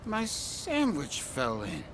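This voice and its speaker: A man's voice: on the high side, huge pitch swings, takes it slowly, a bit bright, a little hiss or hum, heavily acted. A man playing a bitter, grumbling down-and-out character in a video game. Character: bitter down-and-out man, slow and sour.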